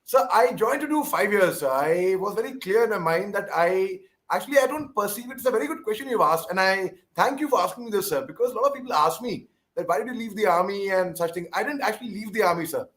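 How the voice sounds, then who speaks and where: A man's voice: sits high, animated, quick pace, few pauses, fairly bright tone, rough recording. A man with an Indian English accent speaks conversationally in an interview, deferential, emphatic and given to repeating himself. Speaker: interviewer and former army officer.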